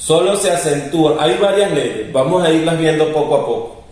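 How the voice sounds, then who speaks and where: A man's voice: a little high, moderate pace, a little mellow. A man teaching a lesson, patiently explaining and repeating rules. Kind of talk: recorded classroom lesson. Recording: very echoey room, distant mic.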